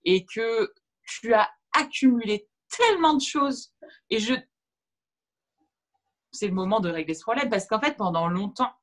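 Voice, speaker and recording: This woman, in her thirties and a first-language Arabic speaker, has a rather high, expressive voice; she's a little slow and pauses often. Appearing as a guest in a video-call interview, she reflects aloud with many fillers and restarts and gestures while talking. She sits in a room at home with shelves, recorded by her webcam.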